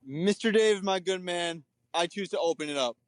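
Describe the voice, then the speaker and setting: A man's voice: sits high, normal speed, no room sound. A man from the New Jersey area making a confident, playful debate argument about football. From New Jersey area, USA.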